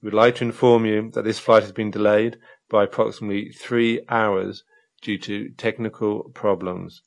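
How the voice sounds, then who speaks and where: Brief: male, low voice, formal PA-style reader, dry close sound. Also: dry recording. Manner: measured, formal announcer delivery with slight hesitations. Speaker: announcer in a listening exercise. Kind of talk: scripted public announcements.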